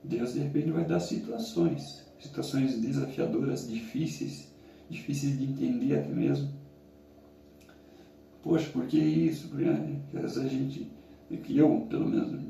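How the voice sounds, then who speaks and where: A Brazilian man speaks from ice cold water with a very dark, relaxed voice full of gravelly creak. He muses casually in halting phrases. The recording is roomy and echoing, picked up away from the mic. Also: mid-range voice. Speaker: challenge vlogger. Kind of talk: casual reflective monologue. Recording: roomy, echoing, distant mic, faint noise.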